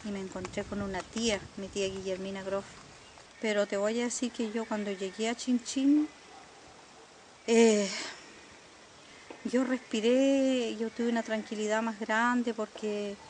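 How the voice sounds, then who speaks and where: An older woman with a Chilean accent gives documentary testimony as a survivor, earnest and halting, with pauses and repetitions. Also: on the high side, steady tone, a little hiss or hum.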